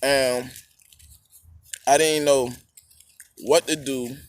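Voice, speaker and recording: A man telling a rambling personal story to camera, halting with fillers and restarts, eating while he talks. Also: mid-range voice, steady tone.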